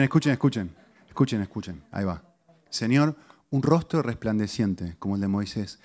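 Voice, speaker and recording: A middle-aged man, a pastor giving a conversational sermon to his congregation with lively rises in pitch and asides to the listeners. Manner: conversational teaching, animated pitch swings, audience asides.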